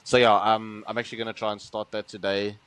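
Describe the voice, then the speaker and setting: A man with a very deep voice talks in easygoing podcast chat. He sounds earnest and enthusiastic, padding his thoughts with fillers as he goes. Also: flat delivery, fast, fairly bright tone, smooth, poor audio. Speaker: podcast co-host.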